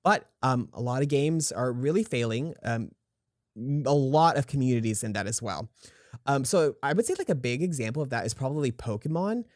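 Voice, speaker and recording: A young man co-hosting a casual podcast chat, relaxed and laughing easily, with frequent "um" fillers. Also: mid-range voice, fairly quick, no echo, clean studio sound. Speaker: podcast co-host.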